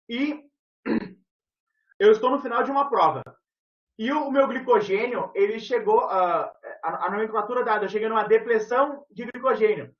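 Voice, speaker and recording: A man giving an informal university lecture over a video call, explaining aloud with frequent fillers. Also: extremely high pitch. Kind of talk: online lecture. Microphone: headset. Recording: muffled video-call audio.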